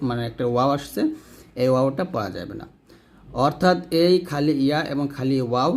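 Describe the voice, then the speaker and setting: A man's voice: on the high side, darkish tone. Man explaining Quran reading rules. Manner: explains step by step, slowly drawing out example recitations; addresses viewers directly, pointing at the page. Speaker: Quran recitation teacher. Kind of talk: tajweed lesson, explaining rules.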